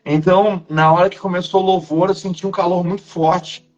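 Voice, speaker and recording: Pastor, male, higher voice, earnest testimony, slightly dull live stream sound. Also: fairly even intonation, brisk, darkish tone.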